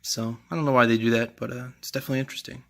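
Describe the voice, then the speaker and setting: Young male home mechanic, casual how-to talk, monotone, chatty and unhurried. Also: medium pitch, creaky. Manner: relaxed, rambling, many fillers. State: out of breath. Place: home garage.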